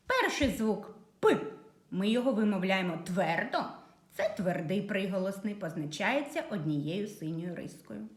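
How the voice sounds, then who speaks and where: A woman teacher giving a slow, patient reading and writing lesson to young children. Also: medium pitch, echoey room. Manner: slow, clear, patient dictation to young pupils. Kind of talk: early literacy lesson for children.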